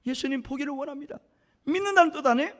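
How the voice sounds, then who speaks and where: A man's voice: very high voice, very fast, fairly bright tone. A male pastor preaching a sermon in a church, telling the story dramatically and putting rhetorical questions to the congregation. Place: church sanctuary. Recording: reverberant church sanctuary.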